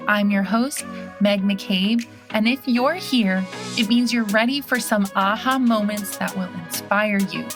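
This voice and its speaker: Over music, a woman with a medium-pitched voice speaks a little slowly as she hosts a podcast interview. She's upbeat and encouraging while introducing her guest and asking questions.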